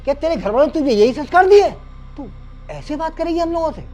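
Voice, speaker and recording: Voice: high-pitched, lively intonation, fast talker, warm tone, soft background music. An actor playing an older father-in-law who scolds his daughter-in-law and his son. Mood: outraged. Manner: scolding, rising outrage.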